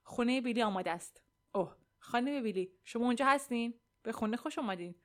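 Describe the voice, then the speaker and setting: A woman's voice: on the high side, lightly acted. Woman reading as a pushy salesman architect; glib, sure of himself. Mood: confident, selling. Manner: glib, self-assured.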